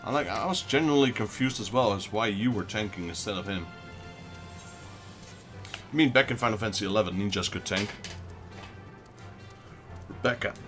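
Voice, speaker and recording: With faint music behind him, a man from the Netherlands gives casual let's play commentary in a Dutch accent, Dutch being his native language, and chats back to his viewers. His voice is fairly low and a bit bright, moving at normal speed with long pauses.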